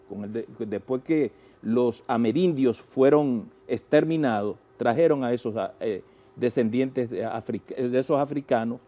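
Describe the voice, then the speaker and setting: A male commentator with a Dominican, Caribbean Spanish accent and a dark, relaxed tone. He sets out his analysis as an interview guest in deliberate, measured phrases, leaving weight on key words. His pitch is average for a man. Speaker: guest political analyst and journalist.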